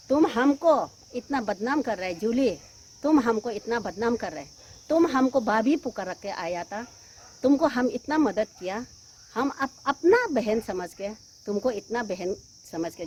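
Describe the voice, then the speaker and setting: A woman from Arunachal Pradesh making an emotional public statement, pleading and reproachful, her voice rising sharply and then falling quiet. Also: on the high side, a little hiss or hum. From Arunachal Pradesh, India. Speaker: woman answering allegations on local news.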